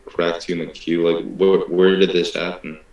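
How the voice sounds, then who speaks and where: Low-voiced man asking quick questions. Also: little pitch movement, dull audio. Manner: quick follow-up questions padded with "like". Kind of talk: casual questioning. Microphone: video call.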